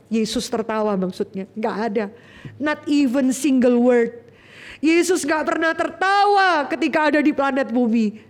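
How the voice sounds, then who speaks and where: A woman preacher delivering a sermon at a church service, telling the stories with animated asides that act out the characters. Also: sits high. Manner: animated storytelling, acting out biblical characters in quick asides.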